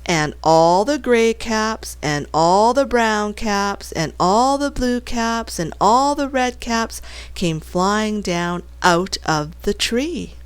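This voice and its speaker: A woman narrating a children's story expressively, with deliberate, dramatic emphasis. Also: mid-range voice, animated, clear, resonant tone, no echo. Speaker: storybook reader, teacher.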